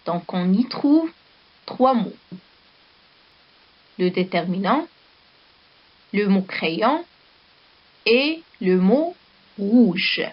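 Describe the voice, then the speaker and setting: A woman teaching a primary school lesson with a Moroccan French accent, dictating words slowly and repeating each one. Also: medium pitch, lively intonation, breathy edge, dull audio. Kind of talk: slow recorded classroom lesson.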